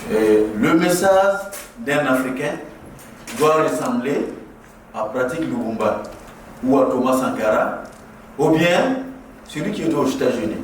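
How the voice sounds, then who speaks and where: Speaking in a medium-pitched, animated voice at a measured pace with frequent pauses, a middle-aged Burkinabé guest speaker preaches passionately at a mosque inauguration, leaning on rhetorical repetition in his ceremonial speech. The large prayer hall makes the audio very echoey, the mic sits far away, and there is a little hiss or hum.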